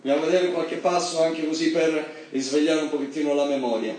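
A man preaching a sermon in an animated way, reading scripture and breaking into high emphatic bursts. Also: a little fast. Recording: very echoey hall, mic far off, faint background noise.

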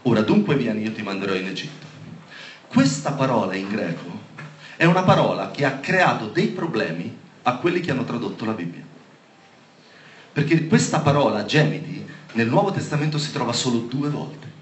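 A man preaching a sermon, reading Bible passages aloud and stressing the key words with emphatic, animated delivery. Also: mid-range voice, normal speed. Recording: echoey room with faint background noise.

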